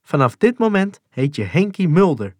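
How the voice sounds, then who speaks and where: A man voicing a gentle, caring aunt who reassures a child in soft words. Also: a little high, very animated, moderate pace, dry recording, studio quality, voice pushed up. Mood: reassuring.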